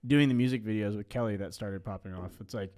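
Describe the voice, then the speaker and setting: Here is a young man in his late twenties talking fast in a casual podcast chat, his voice sitting low. He rambles and restarts, leaning on "like" every few words. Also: dark tone. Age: 20s.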